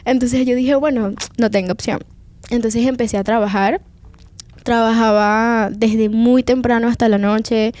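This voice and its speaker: A young woman with a Venezuelan Spanish accent tells her story of faith in an earnest, confiding tone. Her voice sits a little high but sounds dark and mellow, and the recording is close and dry with no room sound. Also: steady tone, a little slow, no echo. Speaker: guest giving testimony. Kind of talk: personal faith testimony.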